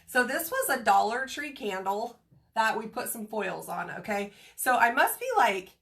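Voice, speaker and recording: Kansas lady with a cold, nasally scratchy, rambling craft live chat, kinda high voice. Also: animated, normal speed, creaky, a bit bright. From Kansas, USA. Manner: chatty, rambling, greets viewers by name. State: getting over a cold. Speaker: crafting livestream host. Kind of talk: casual craft livestream chat.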